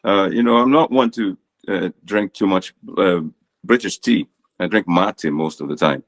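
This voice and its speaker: A man co-hosting a casual podcast, teasing his friend and giving relaxed, rambling explanations. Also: sits low, moderate pace. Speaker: podcast co-host and teacher.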